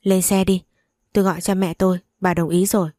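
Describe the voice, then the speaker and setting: A woman's voice: on the low side, flat delivery, a little fast, dark tone, no room sound, studio quality, close to an everyday voice. A woman reading the lines of a father who speaks in short, blunt orders. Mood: curt. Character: grown man, a father, blunt and curt.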